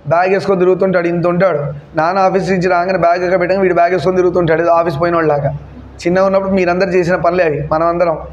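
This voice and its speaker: A man's voice: high voice, a little mellow, lo-fi sound. A middle-aged male teacher, telling a story to his class and stopping often to explain and remind students what to remember. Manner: slow, deliberate explaining with digressions and reminders to remember.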